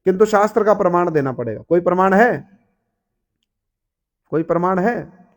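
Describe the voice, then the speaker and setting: A man preaches in a devotional storytelling style. His voice sits high for a man. He keeps turning to his listeners with rhetorical questions and slips into the characters' voices as he tells the story. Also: expressive, moderate pace. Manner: asks the audience rhetorical questions, acts out characters.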